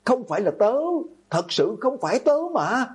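A man voicing a gentle, fragile teenage girl who pleads in panic that she is innocent, in a horror audiobook. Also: high-pitched, animated, moderate pace, slightly rough, pitched above the performer's own voice, heavily acted. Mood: frightened pleading.

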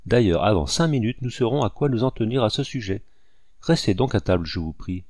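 A courteous older planter voiced by a man talks as an earnest, kindly host. The voice is very deep and gravelly, dark in tone. The audiobook recording is dry. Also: animated, a little fast, no echo. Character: older male colonial planter, kind and worried host.

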